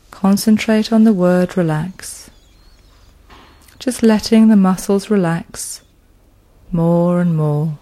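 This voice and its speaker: A woman leading a guided progressive muscle relaxation, speaking in a slow, soothing manner with long pauses. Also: medium pitch, mellow.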